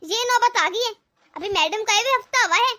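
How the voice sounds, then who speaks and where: A scheming young wife in an animated story, as a woman voices her, griping with sarcasm in a very high, piercing voice. The tone is bright and cutting, every complaint dripping with resentment. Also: normal speed. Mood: bitter grumbling. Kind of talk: animated cartoon voice acting.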